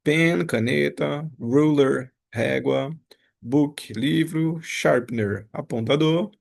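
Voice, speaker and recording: A man's voice: on the high side, takes it slowly, vocal fry. A man teaching a casual review lesson. He talks patiently, explains step by step and repeats each example. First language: Portuguese.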